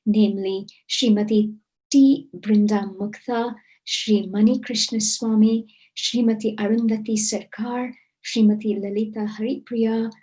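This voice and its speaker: A woman works as event host, reading formal introductions of performers. Her voice is mid-pitched and husky, with a slightly rough edge. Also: darkish tone, low-quality recording.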